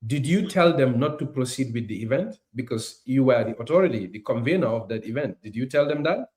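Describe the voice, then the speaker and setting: A man hosts a political interview in a voice of ordinary middle pitch. He presses his guest with pointed questions and repeats them when he wants a clearer answer. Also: animated, a little fast, darkish tone. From Gambia. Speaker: interview host.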